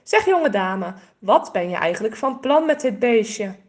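A woman voicing a practical, gently teasing mother in a storybook reading. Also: on the high side, very animated, a little slow.

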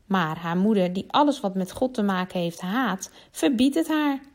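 Reading a children's Christmas story aloud, a woman sounds expressive and lively, giving each character a voice of its own. Her voice sits in the mid range and moves at a moderate pace.

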